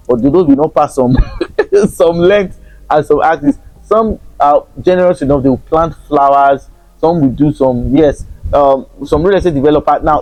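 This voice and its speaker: A man's voice: fairly high pitch, warm tone, no room sound, rough recording. A Nigerian man, a real estate consultant, talking to camera in a frank, teasing way and chuckling often. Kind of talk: casual talk to camera.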